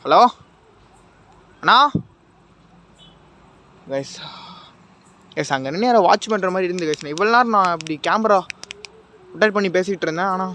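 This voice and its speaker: Nervous, high-voiced male ghost hunter. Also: moderate pace, long pauses, sharp tone, slight background noise. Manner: tense, fearful, keeps calling out to unseen spirits. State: nervous and jittery. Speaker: ghost-hunting vlogger. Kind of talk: night-time ghost-hunt vlog, talking to camera.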